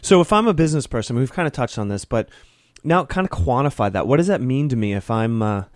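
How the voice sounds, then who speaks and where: A man's voice: medium pitch, lively intonation, fast talker, no room sound. A man hosting a casual studio interview at a desk mic, asking long, rambling questions. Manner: asks rambling, loosely built questions. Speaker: podcast host, interviewer.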